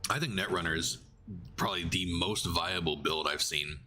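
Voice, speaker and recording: Deep-voiced swearing gaming streamer. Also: male voice, moderate pace, pushed and bright, slight background noise. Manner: rambling, swears freely. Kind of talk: casual gameplay commentary.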